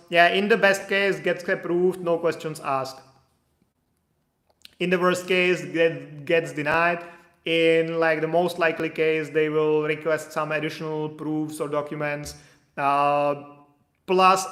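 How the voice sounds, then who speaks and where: In an echoey room, a man answers viewers' immigration questions on a live stream, reading each aloud before explaining in a casual, hedging way. His voice is on the high side with a fairly bright tone.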